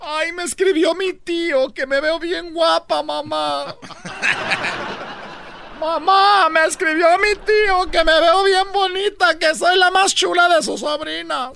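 Guy putting on a squealy show-off young woman, high and gravelly, radio skit. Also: takes it slowly, sharp tone, a little hiss or hum, heavily acted. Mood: giddy. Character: giddy vain young woman bragging.

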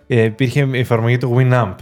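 A man's voice: mid-range voice, flat delivery, a little mellow, faint music behind. A young man co-hosting a podcast, chatting casually about films with many fillers and restarts. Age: young adult. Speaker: podcast co-host. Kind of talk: casual film chat.

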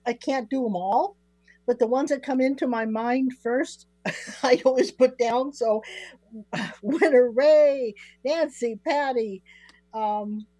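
An older woman chats casually as a radio co-host, full of playful asides. Her voice is a little high and recorded very dry, with no room echo. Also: slow, mellow. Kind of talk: casual chat. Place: home studio.

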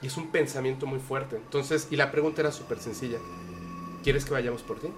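A man's voice: medium pitch, fairly quick, over a noisy crowd. A man with a Mexican Spanish accent telling a personal story on a podcast, earnest and hesitant with many fillers and restarts. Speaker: podcast guest. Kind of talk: casual storytelling.

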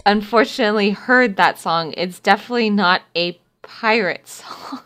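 A woman's voice: mid-range voice, moderate pace, a bit bright. A woman chatting casually as a player in a group game stream. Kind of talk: casual, reactive chat.

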